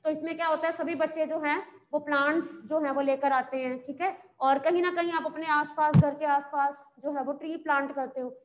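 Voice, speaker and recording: A woman's voice: high-pitched, little pitch movement, rapid-fire, few pauses, a little hiss or hum. A middle-aged woman with a North Indian accent teaching a class in an instructive way, often putting questions to her pupils. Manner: instructive, with frequent questions and check-ins to pupils. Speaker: school social science teacher. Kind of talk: classroom lesson, mixing English and Hindi. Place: indoor classroom at a blackboard.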